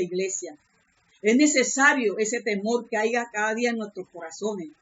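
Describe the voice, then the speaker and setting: A woman's voice: a little high, muffled recording. Fervent woman pastor preaching. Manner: earnest preaching, repeats phrases, calls out "aleluya". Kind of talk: sermon.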